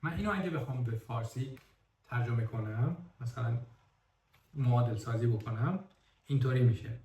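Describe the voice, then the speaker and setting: A man's voice: medium pitch, lively intonation, darkish tone, recorded from a distance. Man reviewing a book in a roomy echo. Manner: careful, correcting himself and spelling out words. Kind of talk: casual spoken book review.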